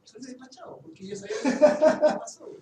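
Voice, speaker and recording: Male participant, high and fast, repeats himself; distant echoey room. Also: darkish tone. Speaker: workshop participant. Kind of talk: sharing a personal story. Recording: echoey room, far from the mic, faint hiss.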